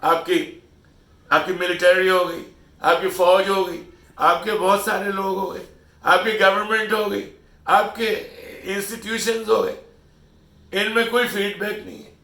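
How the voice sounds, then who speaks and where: A middle-aged man from Pakistan hosts his own channel in a lecturing monologue, urging and scolding his audience. His voice sits high and has a gravelly edge. He sounds bright and forceful, and he is caught from some way off the mic in an echoey room. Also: little pitch movement, distant mic. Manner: lecturing, exhorting listeners with rhetorical scolding. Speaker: channel host. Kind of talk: opinion monologue.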